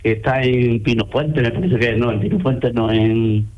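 A man's voice: mid-range voice, moderate pace. An Andalusian man in his eighties calling into a radio show, rambling and repeating himself as he tells his story. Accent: Andalusian Spanish. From Córdoba province, Spain. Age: 80s. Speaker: caller. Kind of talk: phone-in chat on the radio. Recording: muffled phone line.

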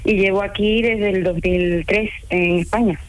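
A home care worker from Ecuador calls in to a radio show and chats casually, with a mild Ecuadorian accent. Her voice is medium-pitched with fairly even intonation and a moderate pace. The telephone line to the radio is noisy.

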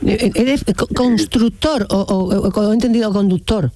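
A woman's voice: medium pitch, moderate pace, warm tone, no room sound. A woman hosting a morning call-in radio show, chatty and encouraging with her callers. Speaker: radio host.

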